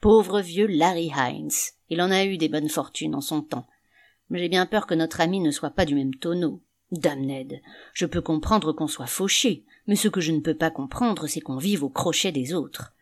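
A woman's voice: sits low, moderate pace. A woman reading an audiobook, voicing a grumbling, scornful middle-aged male canvasser with an indignant, sneering manner.

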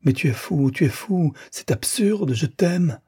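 A man's voice: fairly low pitch, fairly even intonation, a little slow, mellow, husky, dry recording, clean studio sound. Rosanette, a man voicing an emotional young mistress. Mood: pleading. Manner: alternately indignant, mocking and pleading. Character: young woman, a kept mistress, emotional and pleading.

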